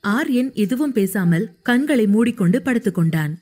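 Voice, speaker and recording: A woman reading a romance story aloud in steady scripted narration. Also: fairly high pitch, normal speed, slightly rough.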